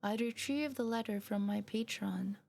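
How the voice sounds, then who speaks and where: A woman's voice: mid-range voice, normal speed, gravelly, darkish tone, soft background music. A woman streamer who chats casually and reads a story game aloud, with lots of fillers and giggles. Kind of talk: reading a story game aloud while chatting.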